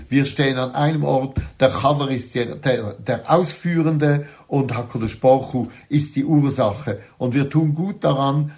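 A man teaching a religious lecture, stressing key words by slowing down and repeating phrases. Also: mid-range voice, creaky, darkish tone.

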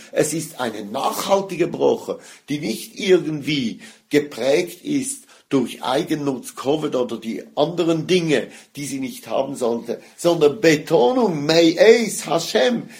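Man, gravelly mid-pitch voice, lecturing on Torah, leans on key Hebrew words. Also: a little mellow. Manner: explanatory, stresses Hebrew words, mixes Hebrew and Yiddish terms. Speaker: rabbi teaching Torah.

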